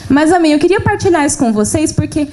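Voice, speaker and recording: A young Brazilian woman in her twenties gives a lively personal testimony at a church workshop, acting out her own prayers and conversations. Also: high voice, quick pace. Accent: Brazilian Portuguese. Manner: animated, acts out her own prayers and dialogue. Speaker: workshop speaker. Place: event hall with an audience.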